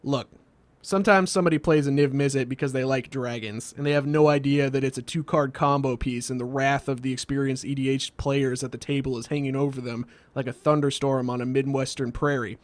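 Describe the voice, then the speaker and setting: This man hosts a card game video series, delivering a scripted comedic explainer in a wry, sardonic way. His voice is medium in pitch and steady in tone, his pace slightly quick, and the close voice-over has no room sound.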